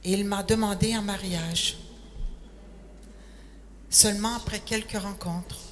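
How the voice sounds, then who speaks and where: Slow older woman with a Québécois accent. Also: mid-range voice, steady tone. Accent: Québécois French. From Quebec City, Canada. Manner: slow, unhurried storytelling, sentences often starting with 'alors'. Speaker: speaker giving a faith testimony. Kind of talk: personal testimony talk. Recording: echoey hall with faint noise.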